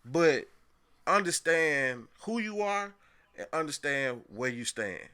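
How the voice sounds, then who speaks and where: A man co-hosting a casual podcast, his voice fairly high with lots of rise and fall and a bright, forceful edge. He talks emphatically and laughs often as he makes his points. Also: big pitch swings, slow, clean tone. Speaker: podcast co-host. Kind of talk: casual chat.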